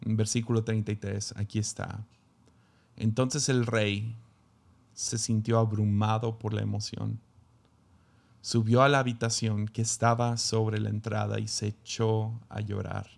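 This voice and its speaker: A man's voice: lowish voice, level tone, a little slow, gravelly. A man, a pastor, reading scripture aloud and then musing on it in a reflective sermon, with frequent restarts.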